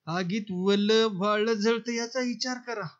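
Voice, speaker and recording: A man's voice: sits high, unhurried, voice pushed up. A man voicing a worried old father pleading for his daughter, on a dull lo-fi recording. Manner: pleading, anxious.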